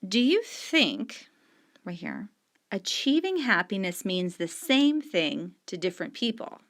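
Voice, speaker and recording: This middle-aged woman teacher talks students through discussion questions with patience, stressing important words while writing on the on-screen page with a pen. Her voice is medium-pitched with big pitch swings and a measured pace.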